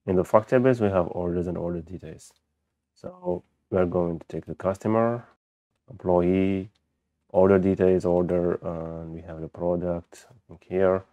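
A software tutorial presenter records an unscripted screen walkthrough, thinking aloud haltingly as he demonstrates. His voice is low and steady, captured dry on a close microphone that sounds dull and lo-fi.

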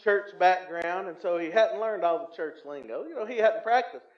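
A male pastor preaching a sermon in a folksy, storytelling way, often restarting with fillers and swelling louder for emphasis. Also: sits high, lively intonation, normal speed. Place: church sanctuary. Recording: roomy, slightly dull church recording.

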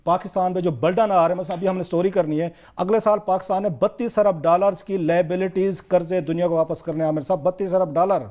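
A man with a Pakistani accent speaks as a political commentator on a televised talk show. His voice sits high for a man. He argues with urgency and drives his points home by repeating them. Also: fairly even intonation, fast talker, hardly any pauses, darkish tone. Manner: urgent, emphatic, repetitive argument.

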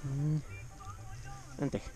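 A man, chatting excitedly and swearing freely while fishing, recorded outdoors on a boat by an action camera. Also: drawn-out words, faint music behind. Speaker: angler filming his fishing trip. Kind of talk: casual fishing vlog banter. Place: outdoors on a bass boat on a lake. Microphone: first-person action camera.

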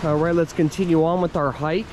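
This hiking vlog features a young man with a fairly high, fairly even voice, talking fairly quickly as he wanders a wooded park. He reads a plaque aloud and admires the scenery, filming casually on a handheld camera outdoors amid heavy background noise.

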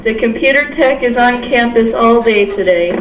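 A woman reading school announcements in a steady, matter-of-fact way, heard over a school intercom speaker. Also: a little high, moderate pace, heavy background noise. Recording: dull, echoey, distant intercom.

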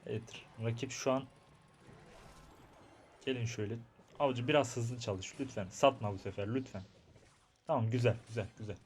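Playing through a mobile match, this young YouTuber keeps up an eager, chatty running commentary, turning to his audience and muttering under his breath. His pitch is an average male middle, his speed normal, with many pauses and a bit of background noise.

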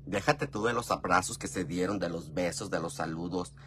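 In a casual storytelling chat, a Mexican-accented vlogger gossips away at a moderate pace, often saying "mi amor" to the listener. His voice rests fairly low yet leaps up in pitch and loudness with excitement, giving big expressive jumps. Underneath runs a faint hum.

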